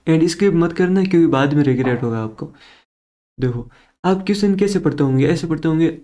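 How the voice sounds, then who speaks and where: A man's voice: a little high, mellow. A young man teaching an exam-prep lesson in a casual, chatty way, mixing English words into his talk.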